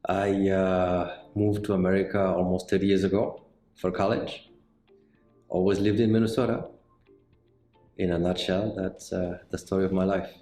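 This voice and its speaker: Deep-voiced Senegalese-born man explaining calmly. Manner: measured, explanatory, with frequent "uh" pauses. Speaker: mortgage banker interviewee. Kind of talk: sit-down interview answers. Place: indoor office set with bookshelves. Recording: roomy indoor sound with faint music.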